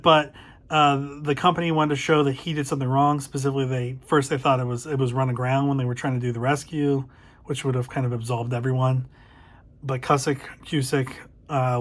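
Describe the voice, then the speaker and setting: A middle-aged man hosting a casual spoken book review, thoughtful and a little hesitant, correcting himself as he goes. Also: medium pitch. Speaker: book reviewer, channel host.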